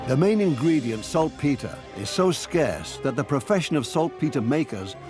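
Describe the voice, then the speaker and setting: A man's voice: mid-range voice, expressive, moderate pace. Male documentary narrator over prominent music.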